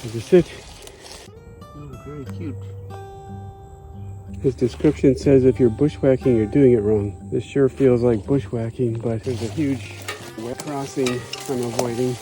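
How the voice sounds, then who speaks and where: A man's voice: mid-range voice, fairly even intonation, a little slow, pauses often, warm tone, poor audio. Chatty man narrating a trail ride outdoors. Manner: chatty, self-narrating, breathless from effort at times. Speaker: bikepacking vlogger. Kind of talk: casual narration while riding. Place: outdoors on a swampy forest trail. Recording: music playing underneath. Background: music.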